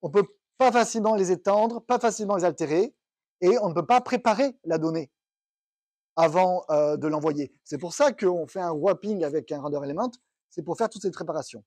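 A man's voice: high-pitched, brisk, a little mellow, no echo, studio quality. Man giving a technical conference talk. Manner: explanatory, thinks aloud with restarts. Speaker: conference speaker. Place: conference room.

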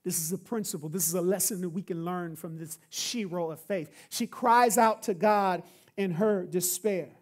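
A pastor delivers a sermon with emphatic, repeated refrains that drive each point home. The voice sits in a middle pitch. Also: moderate pace. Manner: emphatic, repetitive preaching with refrains.

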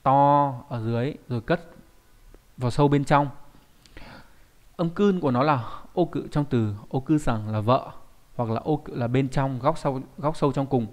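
A man with a mid-range, darkish voice teaches an online kanji lesson. He's chatty, keeps posing rhetorical questions, and pronounces Japanese words slowly and carefully.

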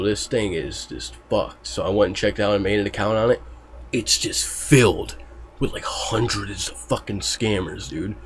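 A man's voice: on the low side, slight background noise. A man talking casually to his viewers, loose and profane, with lots of fillers. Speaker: YouTuber warning about online scams. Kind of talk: casual talk to camera.

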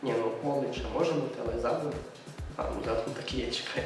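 A man's voice: mid-range voice, quick pace. A young man in casual chat, boasting and bantering while answering quiz questions. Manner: joking, cocky banter. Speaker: friend taking a quiz. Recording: echoey room, mic at a distance, music behind.

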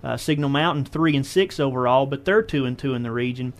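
Folksy radio sports host. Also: male voice, medium pitch, brisk. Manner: folksy, leading questions. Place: radio studio.

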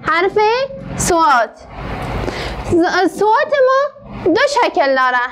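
A woman teaching a literacy class in an Afghan Dari accent, asking the class many questions and reading syllables out very slowly. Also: very high-pitched, big pitch swings, fairly bright tone, a little hiss or hum. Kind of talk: classroom lesson.

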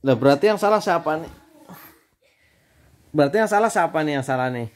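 A man, a father filming a home video and gently teasing his daughter. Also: a little high, lively intonation. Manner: teasing, coaxing, slow-spoken. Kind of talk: casual family home video.

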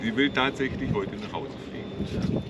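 A man's voice: medium pitch, moderate pace. A man in his sixties hosting a sailing vlog, chatting cheerfully and joking, outdoors on a boat deck, recorded on an action camera. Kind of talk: casual chat. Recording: wind and boat noise.

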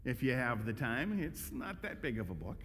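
A man's voice: medium pitch, very animated, normal speed, a bit bright, slight background noise. A male pastor preaching a conversational, emphatic sermon with frequent restarts. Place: church sanctuary. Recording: echoey church hall.

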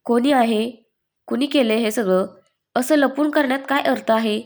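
A woman's voice: on the high side, natural voice. Woman reading a fiery, tearful young woman. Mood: irritated scolding. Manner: rapid, scolding then sobbing speech. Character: young woman, emotional, quick-tempered, tearful.

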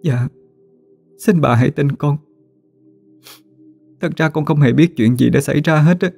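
A frightened young peasant woman pleads and stammers in a raised, soft-edged voice, as a male storyteller puts her on. The tone stays mellow and dark under the higher pitch. She sounds close to tears throughout, as if in an old folk tale. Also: measured pace, creaky, breathy edge, soft background music, exaggerated voice. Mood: pleading.

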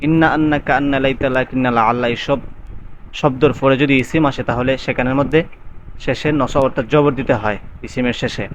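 A man teaching the call to prayer, explaining pronunciation rules and chanting the words slowly and drawn out. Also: mid-range voice, fairly even intonation. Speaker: azan teacher. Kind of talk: recitation lesson. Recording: dull lo-fi sound, faint background noise.

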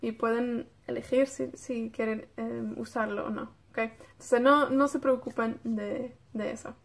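A woman's voice: on the high side, fairly even intonation, measured pace, vocal fry. A woman from Wales with a North Welsh accent, teaching a beginner Welsh lesson in Spanish, patiently checking in with her students and drilling words.

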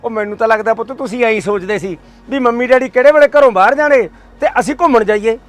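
A man's voice: extremely high pitch, fast talker. An actor with a Punjabi accent playing an older father who complains sarcastically at his son and wife. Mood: sarcastic. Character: sharp-tongued father, impatient and sarcastic.

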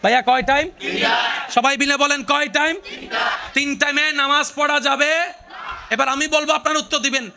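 A man's voice: very high voice, fairly even intonation, normal speed, long pauses, raised voice, noisy background. A man with a Bangladeshi Bengali accent preaching an Islamic sermon to a gathering, calling on the crowd to respond and chanting repeated refrains.

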